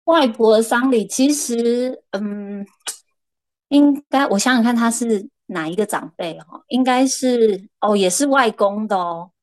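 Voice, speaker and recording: A woman, a guest casually telling lively stories. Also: a little high, a little slow. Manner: lively anecdotal, shifting pace. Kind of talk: casual storytelling.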